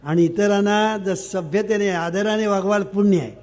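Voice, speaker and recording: A man's voice: high voice, fairly even intonation, moderate pace, darkish tone. An older man, a spiritual teacher, giving a sermon-like discourse and telling a parable. He repeats key words and keeps asking whether listeners have understood.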